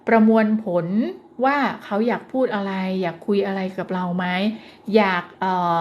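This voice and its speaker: A woman teaching parents how to encourage a child's speech, gentle and coaxing, who slows down and stresses words when she demonstrates. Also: mid-range voice, lo-fi sound, a little hiss or hum. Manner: gentle, coaxing, often ends phrases with polite particles. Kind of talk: parenting advice lesson.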